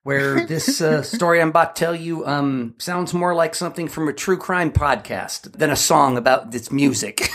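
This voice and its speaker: A man co-hosting a casual podcast with a somewhat high-pitched voice. He tells his story in a loose, rambling way, full of ums and short laughs. The tone is relaxed banter. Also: moderate pace. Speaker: podcast co-host.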